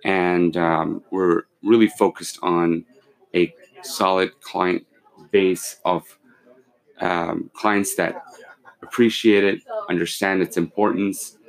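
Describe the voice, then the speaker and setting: A man in his forties, born in Pakistan and raised in London and Kuwait, speaks in a deep, creaky voice with little pitch movement. He is a company CEO on a podcast, explaining his business in a casual interview at a measured pace, full of fillers and restarts. The recording is rough.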